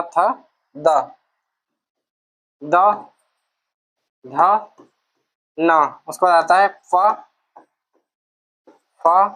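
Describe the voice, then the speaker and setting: A woman teaches a Hindi lesson for exam prep, patiently working through each letter, repeating sounds, and asking the class questions. Her voice is mid-range, and the recording is rough.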